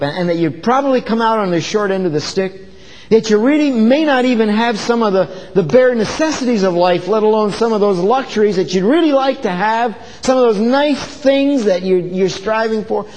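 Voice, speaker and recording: A man delivers an earnest, conversational sermon, pressing his listeners with rhetorical questions. His voice sits high and moves a lot in pitch. A long reverb trails behind him, as in a big hall. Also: darkish tone. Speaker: pastor.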